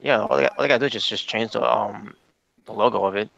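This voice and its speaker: A man's voice: fairly low pitch, fast talker, gravelly, fairly bright tone, highs cut off. A man co-hosting a reaction stream, chatting in a laid-back way and chuckling often. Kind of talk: casual chat.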